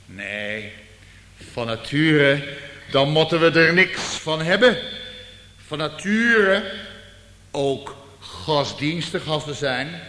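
A man preaching a sermon as pastor, slow and deliberate, swelling into fervent near-shouts. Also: a little high, lively intonation. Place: church. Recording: reverberant church, ambient noise.

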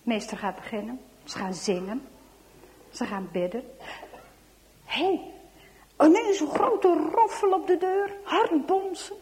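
A woman reading a children's story aloud, dramatic, dropping to hushed whispers and rising to loud exclamations. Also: high voice, a little slow, a little hiss or hum.

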